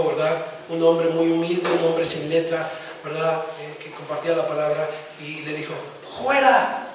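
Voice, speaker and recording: Male preacher, high voice, emphatic sermon, rhetorical questions, booming echo, far from the mic. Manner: emphatic, rhetorical questions, frequent "verdad?" and "amén". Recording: echoey hall, distant mic, faint noise.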